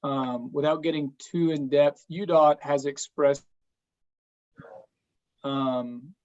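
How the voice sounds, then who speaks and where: A man's voice: fairly high pitch, steady tone, darkish tone. Man chairing a meeting over a breaking-up phone line. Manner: halting, many fillers and restarts. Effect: breaking-up cell phone connection. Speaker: committee chairman. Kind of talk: remarks at a public meeting. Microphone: phone on a remote call.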